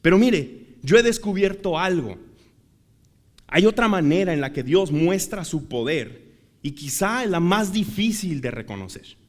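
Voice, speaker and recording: A young man preaching a sermon in Mexican Spanish, telling a story that swells from soft, easy talk to shouting. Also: high-pitched, expressive, unhurried. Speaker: pastor.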